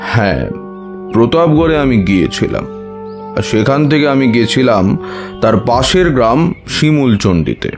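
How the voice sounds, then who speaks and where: In an audio horror story, an actor voices a wise older tantric priest recalling eerie memories, his mid-range male voice measured and reminiscing yet very animated, broken by thoughtful hums. Music plays underneath.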